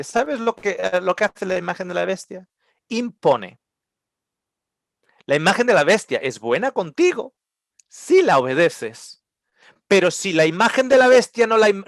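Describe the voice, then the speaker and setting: Male preacher, lively higher voice, dry close mic. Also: no echo. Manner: emphatic, slows down to stress words and drops to a near whisper. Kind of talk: sermon.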